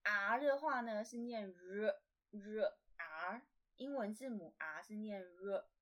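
Woman host, Taiwanese Mandarin accent, relaxed teaching delivery with slow repeated demo sounds. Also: mid-range voice. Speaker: podcast host teaching language. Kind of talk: casual spoken lesson.

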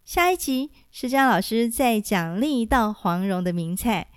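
A woman teacher hosting a storytelling show, narrating a scripted story in a measured, clear, gently expressive way. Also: fairly high pitch, dry recording, studio quality.

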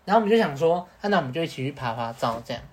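A man with a Taiwanese Mandarin accent, a podcast co-host telling a casual, animated story with Hokkien swearing. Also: on the high side, very fast.

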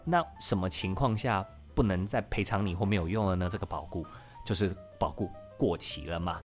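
A man's voice: deep voice, fairly quick, faint music behind. A man, hosting a podcast lesson and patiently explaining English words, spelling them out letter by letter. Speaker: English teacher and podcast host.

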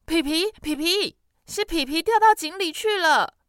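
A woman voicing a breathless little boy who keeps shouting a very long name in a storybook reading. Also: high-pitched, very animated, slow pace, no echo, studio quality, voice pushed up, heavily acted. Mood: frantic. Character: breathless little boy, frantic younger brother.

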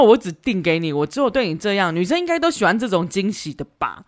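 A woman hosting a podcast, telling a story casually, animated and laughing often. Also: a little high. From Taiwan. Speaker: podcast host.

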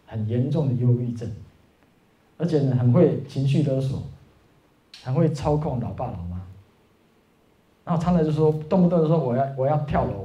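A man preaching a Sunday sermon in a conversational way, asking rhetorical questions and filling pauses with "ah" and "oh". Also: medium pitch, mellow. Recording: roomy, slightly dull church recording.

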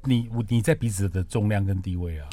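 A man co-hosting a podcast in casual chat, playful and quick to chime in with reactions. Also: on the low side, warm tone, no room sound, faint music behind. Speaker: podcast co-host.

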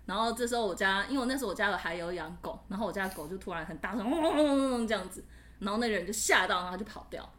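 A woman's voice: medium pitch, expressive, racing, fairly bright tone. A woman, co-hosting a podcast and candidly recounting a personal story in casual chat. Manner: candid, laughs while telling a frightening story. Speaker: podcast co-host.

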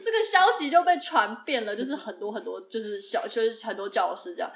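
Fast-talking woman telling a story. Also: a little high. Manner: animated, laughing often, many fillers. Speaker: podcast host. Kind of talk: casual storytelling chat.

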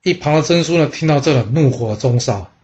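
A man hosting a storytelling podcast, telling history in a chatty, lively way. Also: fairly high pitch, brisk, dull audio. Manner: chatty, lively storyteller voicing characters in dialogue. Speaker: storyteller host.

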